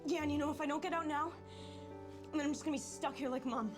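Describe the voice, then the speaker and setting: An actress playing a teenage girl who speaks softly and hurriedly in a film scene. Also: sits high, steady tone, fast talker, music in the background, close to an everyday voice. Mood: tense. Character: teenage girl quietly pushing back at her family. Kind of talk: film dialogue.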